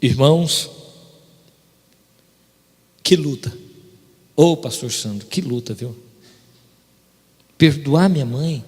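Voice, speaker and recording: Male preacher, emphatic and direct with the congregation; slightly high voice, booming church hall. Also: slow pace, long pauses, a little mellow, slightly rough. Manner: emphatic, repeatedly addressing the congregation. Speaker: pastor. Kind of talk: sermon testimony. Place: church sanctuary.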